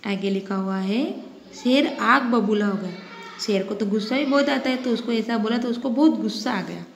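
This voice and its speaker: A woman's voice: on the high side, normal speed, creaky. A woman Hindi teacher giving a lesson, explaining step by step and repeating questions to the children. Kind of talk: online class lesson. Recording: echoey room with faint hiss.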